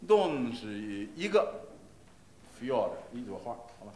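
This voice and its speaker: A man teaching voice in a masterclass, stopping to sing short phrases as examples, in a halting, repetitive way full of fillers. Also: medium pitch, very animated, a crowd in the background. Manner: breaks into sung Italian phrases to demonstrate. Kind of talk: masterclass coaching a singer. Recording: roomy archival class recording, faint hiss.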